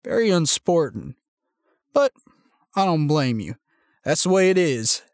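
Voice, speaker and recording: A smug young militia leader, as a man puts him on, calm and sardonic. He speaks in an unhurried, quietly threatening tone, slightly high in pitch. The recording is close and dry. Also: dry recording. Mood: cool menace.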